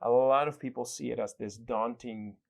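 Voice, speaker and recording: Reflective man, halting with frequent restarts. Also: medium pitch, fairly even intonation, vocal fry, darkish tone. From El Salvador. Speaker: guest. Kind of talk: conversational interview.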